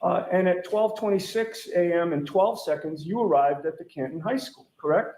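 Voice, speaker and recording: A man cross-examining a witness as a lawyer in court, putting detailed, deliberate leading questions and pressing for confirmation. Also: high voice, darkish tone. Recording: echoey courtroom sound with faint noise.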